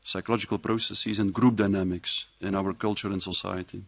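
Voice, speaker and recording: A man speaking as a professor, giving a measured, reflective talk to a live audience. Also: low-pitched, level tone, gravelly, no echo. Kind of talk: public speech at a presentation. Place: live event before an audience.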